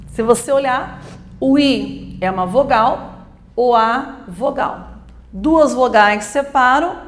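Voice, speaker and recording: A woman's voice: high-pitched, reverberant, a little hiss or hum. A woman teacher, teaching a grammar lesson for exam prep, explaining step by step and asking and answering her own questions.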